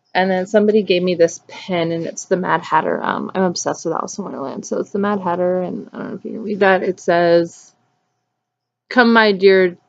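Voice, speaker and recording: A woman's voice: fairly low pitch, muffled recording. A woman in her thirties chatting casually through a cross-stitch and sewing show-and-tell, upbeat and rambling with plenty of ums. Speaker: flosstube vlogger.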